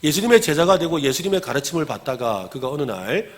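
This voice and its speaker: A man preaching. His voice sits a little high and rises and falls sharply as he speaks. He often puts questions to his listeners. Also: fast. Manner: animated preaching, acts out quoted lines loudly, asks the congregation questions. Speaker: pastor. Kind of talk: sermon.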